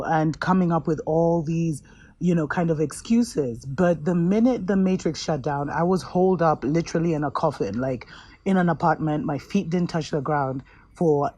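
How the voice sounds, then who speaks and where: Woman host, slightly husky, earnest and unhurried, gently encouraging spiritual talk. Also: deep voice, no room sound. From Kenya.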